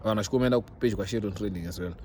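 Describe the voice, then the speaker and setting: A man's voice: lowish voice, very fast, dark tone. A young man with a Zimbabwean accent, chatting casually to his followers as a vlogger in an emphatic, repetitive way, mixing in English phrases. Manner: emphatic, repeats himself for stress. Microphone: phone. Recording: noisy background ambience, phone recording.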